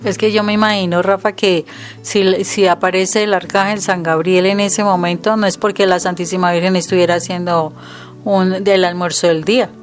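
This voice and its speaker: A woman's voice: fairly low pitch, fairly even intonation, moderate pace, soft background music. Earnest woman explaining prayer. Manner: earnest and explanatory, often quoting scripture. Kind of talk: conversational teaching.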